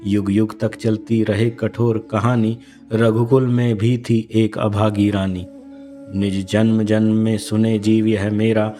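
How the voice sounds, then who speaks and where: A proud queen mother full of repentance, voiced by a man reciting a poem, speaks in solemn, measured verse. The voice sits low and dark, with a flat, unhurried delivery.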